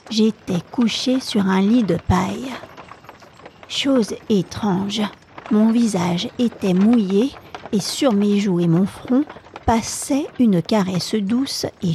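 A woman storyteller reading a classic novel aloud for a podcast in a calm, measured way. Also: mid-range voice, slight background noise.

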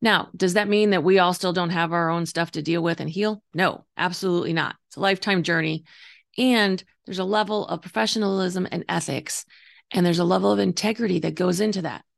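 A woman with a gravelly, slightly hoarse voice talking earnestly and reflectively as a coach hosting a solo podcast, explaining her views. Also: on the low side, fairly even intonation, fairly quick. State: voice partly gone, slightly hoarse. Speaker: intuitive coach and podcast host.

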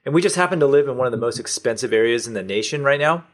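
A middle-aged man from the United States talks as a podcast guest. His voice sits at an ordinary middle pitch, and he tells his story in a plain, matter-of-fact way. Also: expressive, racing. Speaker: podcast guest, online store owner. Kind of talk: conversational interview.

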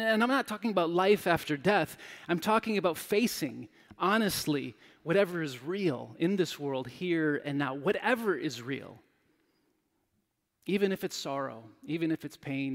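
Gravelly man preaching in a hall. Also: a little high. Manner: candid, self-deprecating storytelling. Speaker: pastor. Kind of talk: sermon.

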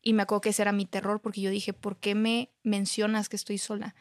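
A woman from Mexico with a Mexican Spanish accent speaks fast in a medium pitch with flat delivery, recorded in studio quality with no echo. As a podcast guest she candidly recounts her story in casual chat, often saying "you know" and "I mean" and peppering it with "¿sabes?" and "o sea".

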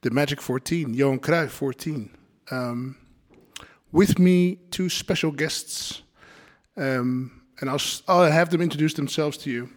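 Higher-voiced male podcast host. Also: a little slow. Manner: informal, hesitant questioning. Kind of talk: casual podcast hosting.

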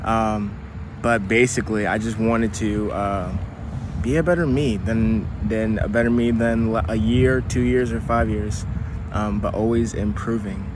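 A man's voice: lowish voice, steady tone, a little slow. Upbeat man talking into a phone video outdoors. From United States. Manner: upbeat, rambling, encouraging, many fillers. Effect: recorded on a phone for video. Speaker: podcast host. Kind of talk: casual motivational vlog talk. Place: outdoors near traffic and a train line. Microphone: wireless earbuds. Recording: phone video outdoors with clear traffic noise. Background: street and car noise.

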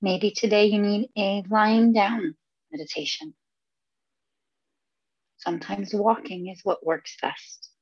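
Soft, husky woman guiding meditation. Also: mid-range voice, no echo, lo-fi sound. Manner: soothing, unhurried delivery with pauses. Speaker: meditation guide. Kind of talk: guided meditation.

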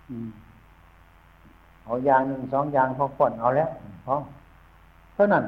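A husky-voiced man with an Isan Thai accent gives an informal Dhamma talk, wandering from point to point in a folksy way and humming as he thinks. The sound is thin and phone-like, as if it came down a telephone line. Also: medium pitch. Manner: rambling, folksy, frequent thinking hums. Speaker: Buddhist monk teaching new monks. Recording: tinny phone-like recording.

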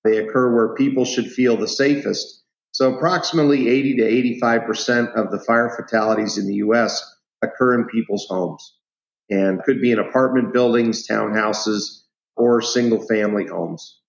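A man speaking as an expert guest, explaining in a measured way in an interview. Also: medium pitch, fairly even intonation, gravelly. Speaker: guest researcher. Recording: roomy, dull lo-fi sound.

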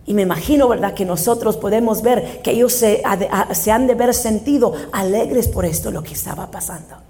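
A woman's voice: mid-range voice, brisk, dark tone. A woman pastor preaching a sermon, slipping between Spanish and English and checking in with the congregation, raising her voice for emphasis. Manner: switches between Spanish and English mid-sentence, frequent "¿verdad?"; emphatic, raises voice on scripture calls.

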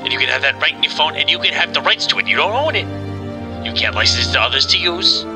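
A man playing a brash, boisterous ad executive who crashes a video call and rambles through a sales pitch in improvised comedy. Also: big pitch swings, quick pace, music in the background. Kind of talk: improvised comedy role-play.

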